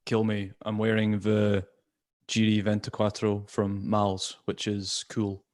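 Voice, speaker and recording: Deadpan low-voiced man. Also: slow pace. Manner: deadpan, gloomy humour. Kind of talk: casual live video chat.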